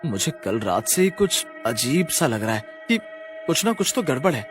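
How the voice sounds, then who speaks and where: A man's voice: medium pitch, big pitch swings, moderate pace, faint music behind, lightly acted. A man voicing a worried but firm young husband in a cartoon story. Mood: earnest.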